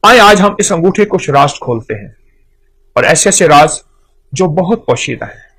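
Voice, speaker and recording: A man's voice: on the high side, expressive, normal speed, fairly bright tone, breathy edge. A man gives an earnest, instructive talk on home remedies, repeating his key points for emphasis. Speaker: folk remedy speaker.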